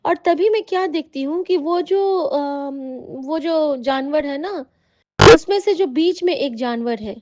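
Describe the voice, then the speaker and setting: A woman, a devotee, recounts a dream to a congregation in halting, rambling speech with many fillers. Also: high voice, darkish tone, dry recording. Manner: addresses listeners as congregation. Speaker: devotee sharing an experience. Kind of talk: spoken testimony of a dream. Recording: dull lo-fi recording.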